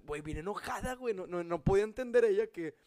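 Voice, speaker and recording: A young man with a Mexican Spanish accent recounts a story to a friend, his voice light, high and a little mellow, his pace quick and manner animated. Laughter comes often, curses slip out without hesitation, and the audio is close and dry with no echo.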